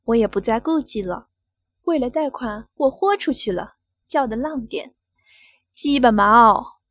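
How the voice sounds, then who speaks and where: A middle-aged woman narrating an adult audio story in the first person, in a steady reading voice. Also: on the high side, moderate pace, no echo, lo-fi sound.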